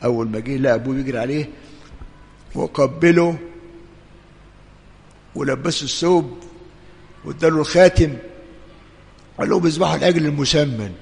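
A male priest with an Egyptian Arabic accent delivers an impassioned sermon, dropping to hushed urging and then rising to loud pleading. His voice sits fairly high for a man. A long reverb hangs behind every phrase, as in a large church. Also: moderate pace, gravelly, long pauses.

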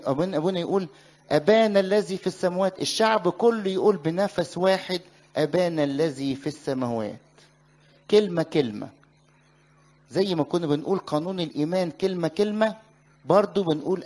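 Man, Egyptian accent, sermon, slightly high voice, questions to listeners. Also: a little mellow. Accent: Egyptian Arabic. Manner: asks the listeners questions and lets them finish his sentences. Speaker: church teacher.

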